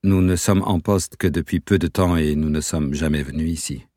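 A wary young officer speaks firmly and guardedly, as a man reads him. The voice is extremely deep and husky. The sound is dry. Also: steady tone, moderate pace, warm tone, no room sound.

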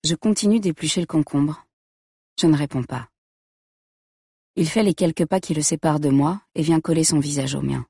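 A woman narrating a first-person story in a quiet, intimate way. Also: low-pitched, moderate pace, pauses often, breathy edge, dry recording, clean studio sound.

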